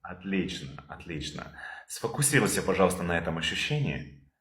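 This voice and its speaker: A man leading a calm therapy session over a video call, probing with repeated questions. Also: low-pitched, normal speed, echoey room, slight background noise.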